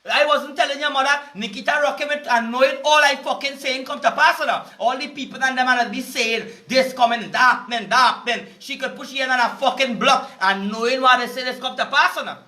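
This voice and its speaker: A Trinidadian man rants in a very high voice, swearing constantly as he street-preaches. His tone is bright and cutting, and he circles back to the same points over and over. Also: fairly quick, few pauses. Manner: heated, cursing, repetitive. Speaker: vlogger. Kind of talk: profane street-preaching rant.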